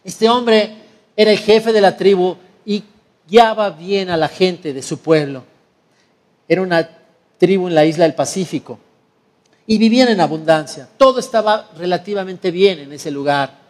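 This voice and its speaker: Man, preacher, high voice, storytelling sermon, acts out scenes. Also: moderate pace, a little mellow, big-room sound. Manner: vivid storyteller acting out scenes.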